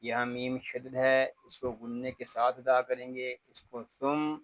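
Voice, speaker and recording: A man with an Urdu accent teaching Quran recitation, spelling each word slowly letter by letter and then explaining the rules. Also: medium pitch, completely flat delivery, a bit bright, no room sound, low-quality recording. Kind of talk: word-by-word tajweed spelling lesson.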